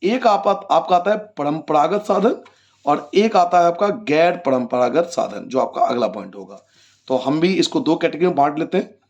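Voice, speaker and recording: A man's voice: on the high side, animated, moderate pace, darkish tone, highs cut off. A man teaching a class 10 geography lesson, asking his own questions and answering them, repeating the key points for his students. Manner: addresses students as children.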